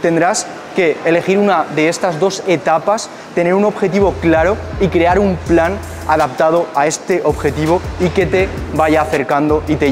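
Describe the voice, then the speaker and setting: A young man, a fitness coach, giving direct gym advice to the camera in an indoor gym, with rhetorical questions, on a clip-on mic. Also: a little high. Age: young adult. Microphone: small clip-on mic on shirt. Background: background music.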